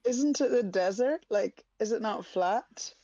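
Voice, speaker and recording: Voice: medium pitch, a little slow, mellow, dull audio. A speaker with a cold, chatting on a group call and asking puzzled questions. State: has a cold.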